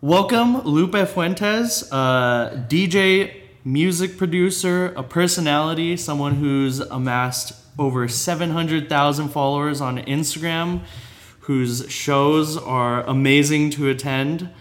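A man's voice: on the high side, slow pace. Man hosting, reading prepared intros. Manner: informative, reads prepared segments. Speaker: podcast host. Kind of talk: scripted introductions and narration.

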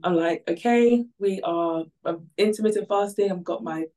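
A woman's voice: mid-range voice, moderate pace, warm tone. A woman from Ghana, a guest on a podcast, chatting casually and upbeat with many fillers. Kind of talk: casual interview chat. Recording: distant from the mic.

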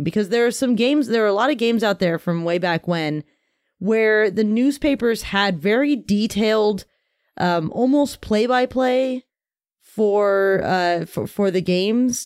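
Smooth-voiced woman co-hosting a sports podcast. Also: mid-range voice, darkish tone, no room sound, clean studio sound. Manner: enthusiastic, restarts sentences, many likes. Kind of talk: casual chat.

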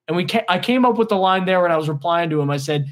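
A man with a fairly high speaking voice co-hosts a casual sports podcast. His delivery is wry and blunt, full of dry, sarcastic jokes. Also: lively intonation, quick pace. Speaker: podcast co-host.

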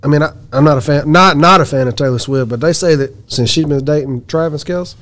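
A man's voice: fairly high pitch, brisk, a bit bright. A man chatting casually with friends. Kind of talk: casual chat.

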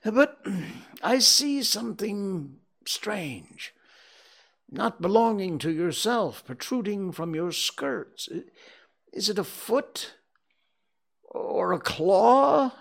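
A man's voice: sits high, very animated, gravelly, a bit bright, pitched above the performer's own voice, exaggerated voice. Man doing Scrooge, a quavering old miser. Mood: hesitant. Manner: hesitant, halting, drawn-out.

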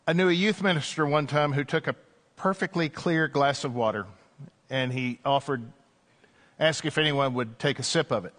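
A man preaching a sermon as an Anglican priest at a pulpit microphone in church, in a conversational way with gentle jokes and "uh" fillers. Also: on the high side, moderate pace.

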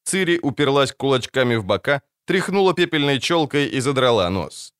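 A man narrating an audiobook in a measured storytelling manner. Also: medium pitch, expressive, a bit bright, clean tone, no room sound, studio quality. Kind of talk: scripted narration.

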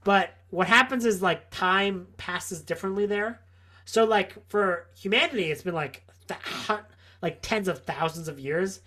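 A man's voice: sits high, measured pace, bright, forceful tone. A tipsy man co-hosting a podcast, rambling through a story with constant filler words. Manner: rambling, lots of filler likes. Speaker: podcast co-host.

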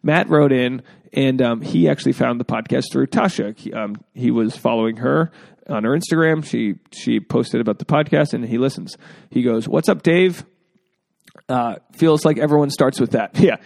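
A man's voice: medium pitch, moderate pace, gravelly, darkish tone. A man hosting an advice podcast in a casual, rambling way, with jokey asides. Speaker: podcast host. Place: indoors at home.

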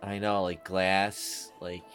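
A man's voice: low voice, flat delivery, takes it slowly, a bit bright, soft background music. A man in casual chat, teasing the host and thinking aloud over riddles. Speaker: podcast co-host, game player.

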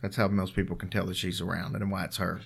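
A man's voice: deep voice, flat delivery, quick pace, creaky, fairly bright tone, slightly rough. A man co-hosting a show, telling stories in a casual, chatty way with a dry, teasing manner. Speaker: podcast co-host telling ghost stories. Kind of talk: casual storytelling chat.

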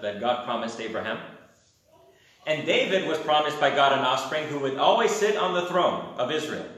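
Male teacher, bright and forceful, quizzes the class; very echoey classroom. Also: a little high. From America. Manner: asks the class questions, wry asides. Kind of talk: classroom lecture with questions. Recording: very echoey room.

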